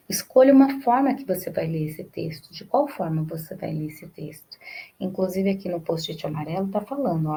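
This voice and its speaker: Woman teacher, dark mellow voice. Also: medium pitch, poor audio. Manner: frequent checks like "tá bom?" and "né?"; explains step by step, repeating phrases. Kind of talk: remote class lesson.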